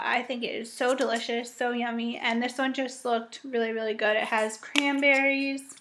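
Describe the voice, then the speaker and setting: Young woman, casual vlogger, slightly high voice, upbeat and chatty, webcam at home. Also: fairly bright tone. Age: young adult. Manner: chatty, upbeat, frequent ums and likes. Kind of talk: casual grocery haul vlog. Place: home dining room indoors.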